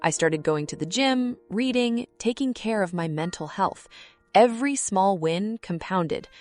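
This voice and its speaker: A woman narrating a first-person story in a calm, measured, reflective way, in short clipped phrases. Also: mid-range voice, no room sound. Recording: faint background music.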